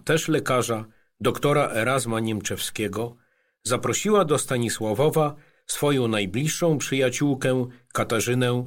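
A man reads a family memoir as scripted narration. His delivery is measured and even, and his voice sits in an ordinary middle register. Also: mid-range voice. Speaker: audiobook narrator.

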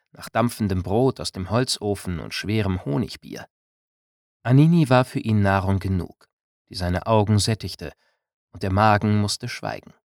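A man narrating a German-language novel as an audiobook in a calm, measured way. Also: on the low side, dry recording, clean studio sound.

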